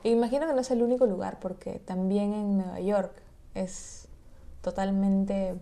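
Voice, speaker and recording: A woman's voice: mid-range voice, moderate pace. A woman from Peru, a graduate student chatting fluently and at length in a casual conversation. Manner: fluent, talkative, lively storytelling. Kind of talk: casual chat.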